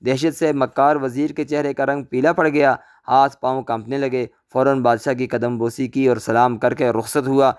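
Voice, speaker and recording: A man narrating a historical tale as a storyteller, in dramatic, measured scripted narration. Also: medium pitch, level tone, smooth.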